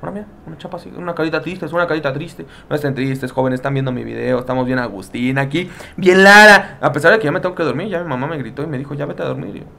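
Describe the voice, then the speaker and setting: Mexican male gamer, fairly high voice, jokey let's play commentary, loud bursts. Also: quick pace, gravelly, few pauses. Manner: playful, joking, loud outbursts, addresses viewers.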